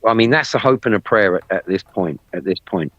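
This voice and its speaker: A man's voice: lowish voice, lively intonation, fairly quick, fairly bright tone, no room sound. A man talking politics in a casual chat, blunt and full of swearing, often repeating himself. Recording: dry, dull lo-fi sound.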